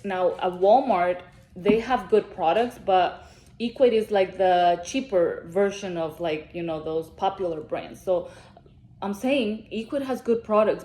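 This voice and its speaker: Woman beauty vlogger, casual rambling chat, medium pitch, echoey room sound. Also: warm tone. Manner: rambling, many fillers and restarts. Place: travelling, on vacation.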